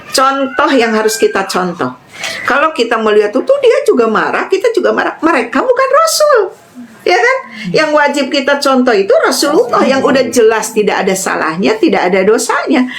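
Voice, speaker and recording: A woman religious teacher giving a weekly study lesson, telling personal stories in a chatty, animated way and laughing often. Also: medium pitch, slight background noise.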